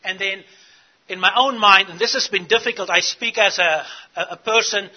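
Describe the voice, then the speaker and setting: Speaking at a conference, a middle-aged South African man gives church leaders a sincere lesson, pausing to question the audience. The recording is muffled, and his high voice moves at a moderate pace.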